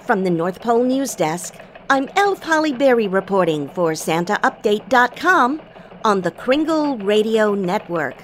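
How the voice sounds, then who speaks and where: A woman's voice: medium pitch, big pitch swings, measured pace, a little hiss or hum. A woman as a chirpy elf news anchor. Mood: upbeat. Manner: bright, enthusiastic newsreader delivery. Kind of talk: scripted radio news parody.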